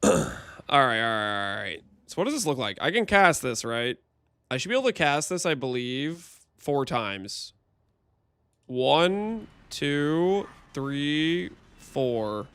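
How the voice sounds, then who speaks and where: A man's voice: mid-range voice, sing-song, takes it slowly, a bit bright, clear, resonant tone, dry recording. Man streaming on a dry headset mic. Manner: chatty, joking, thinks aloud to chat. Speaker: livestreamer. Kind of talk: casual gameplay commentary.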